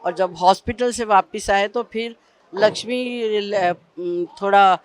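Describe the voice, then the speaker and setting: A woman giving an on-set interview about a serial's storyline, speaking haltingly with many fillers. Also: medium pitch, clear, resonant tone, no echo. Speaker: actress in the serial.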